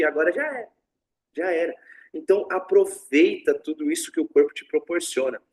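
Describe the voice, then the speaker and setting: A man with a fairly high voice gives a spiritual talk on tantra. He speaks bluntly and casually, with slang and swearing, and keeps acting out the voices of the people he quotes. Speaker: tantra teacher.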